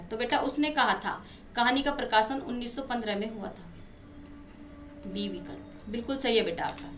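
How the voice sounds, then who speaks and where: A woman teacher running an exam-prep lesson, reading quiz questions and their options aloud, then confirming the answer and addressing her students affectionately as "beta". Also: high voice. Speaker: Hindi teacher. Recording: echoey room, faint background noise.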